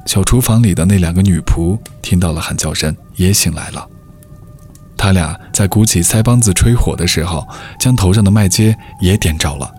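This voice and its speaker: A man telling a folk tale in scripted narration, with an even, measured delivery. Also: low voice. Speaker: storyteller. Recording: faint background music.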